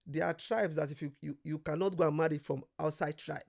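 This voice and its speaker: Man with a gravelly voice. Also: fairly high pitch, brisk. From Nigeria. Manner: animated storyteller who acts out quoted voices and swears freely. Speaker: guest. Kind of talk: casual conversation.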